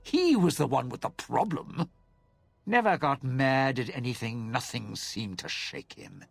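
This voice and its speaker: An actor playing a bitter, vengeful lounge singer who schemes and sneers, in video game dialogue. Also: male voice, medium pitch, wildly swooping pitch, vocal fry, breathy edge, no room sound, faint music behind, heavily acted. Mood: scornful. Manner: sneering, drawn-out, sly.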